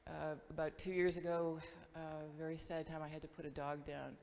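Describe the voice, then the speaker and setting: Flat-voiced woman in an echoing hall. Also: deep voice, brisk, creaky, slight background noise. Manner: brief, earnest, with fillers. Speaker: memorial speaker. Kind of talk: memorial anecdote. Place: school auditorium. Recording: long hall reverb, faint ambience.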